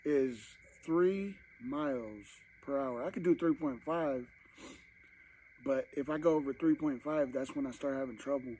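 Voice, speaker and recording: A man's voice: mid-range voice, measured pace, warm tone, a little hiss or hum, rough recording. A man vlogging casually to camera while eating, rambling and talking with his mouth full, at home at night. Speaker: mukbang vlogger.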